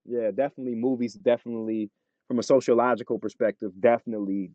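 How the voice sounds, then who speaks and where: A man's voice: mid-range voice, fairly even intonation, quick pace, no room sound, highs cut off. A man in a casual interview chat as a rapper guest, laid-back and full of "you know what I'm saying".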